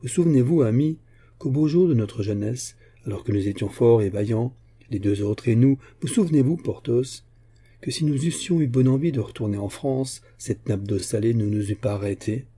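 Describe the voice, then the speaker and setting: A man reading a novel aloud, voicing a shrewd, melancholy old bishop and former musketeer who speaks in a measured, guarded way. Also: medium pitch, warm tone, husky, natural voice.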